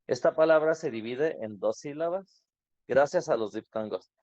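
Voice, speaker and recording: A man's voice: fairly high pitch, expressive, normal speed, a little mellow. A man teaching an online grammar class, explaining patiently and asking students questions. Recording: dull lo-fi online class audio.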